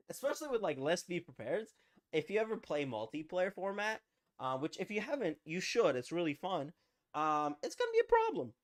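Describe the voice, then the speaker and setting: A young adult live-stream host in casual chat with viewers, playful and animated, often repeating short phrases. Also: medium pitch. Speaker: livestream host.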